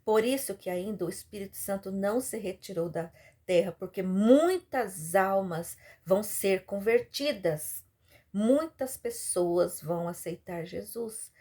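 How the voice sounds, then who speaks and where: A woman preacher delivers a sermon as a dramatic story. Her voice leaps and falls with emotion, with repeated phrases and sudden bursts of loudness. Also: mid-range voice, expressive, measured pace.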